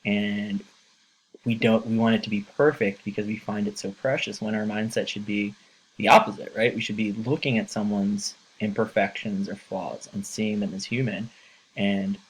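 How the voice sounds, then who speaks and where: Earnest male teacher, lowish voice, casual and filler-heavy. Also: level tone, normal speed, slight background noise, low-quality recording. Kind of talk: casual lecture.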